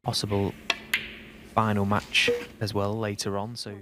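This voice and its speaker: A man giving understated, unhurried live snooker commentary, shot by shot. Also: fairly low pitch, completely flat delivery. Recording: noisy, clicks behind the voice.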